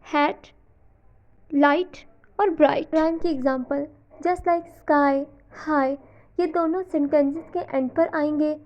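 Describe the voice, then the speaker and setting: A woman's voice: high voice, dull audio. A woman teaching a literature lesson, explaining step by step and reassuring her viewers. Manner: explanatory, reassuring students, stresses syllables when modeling. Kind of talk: recorded lesson in mixed Hindi-Urdu and English.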